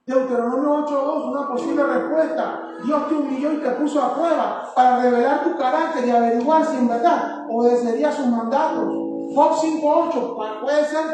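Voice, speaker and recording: A woman's voice: high-pitched, steady tone, a little fast, hardly any pauses. A woman with a Panamanian accent preaching a sermon, emphatic and exhorting, repeating her appeals to the listeners. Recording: echoey hall from far off with music.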